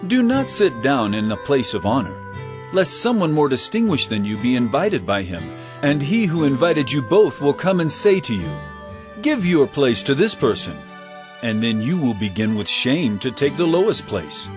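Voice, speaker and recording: An actor playing Jesus as an earnest teacher of parables in an audio drama, speaking in measured, emphatic oratory. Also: male voice, mid-range voice, very animated, music in the background, natural voice. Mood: instructive, earnest. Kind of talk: audio drama Bible acting.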